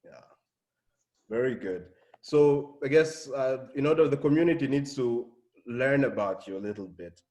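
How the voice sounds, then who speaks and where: A man hosting a language-learning interview in a casual, hesitant way, with many pauses. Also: mid-range voice, a little mellow. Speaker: host of language channel.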